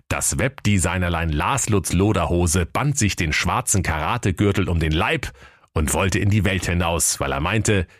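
A man's voice: low-pitched, no room sound, studio quality. A man narrating a comic fairy-tale parody in a mock-solemn storytelling manner.

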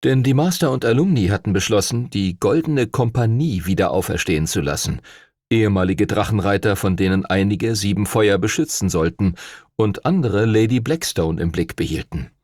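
Husky low-voiced male audiobook narrator. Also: dry recording, clean studio sound. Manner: calm, measured storytelling. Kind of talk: scripted narration.

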